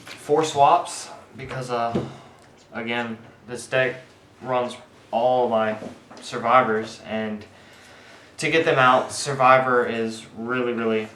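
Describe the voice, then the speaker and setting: A man casually walking through his card game deck, explaining his picks in a halting way full of fillers and restarts. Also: mid-range voice, steady tone, fairly bright tone. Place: indoor room with friends nearby. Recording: echoey room with faint background hiss.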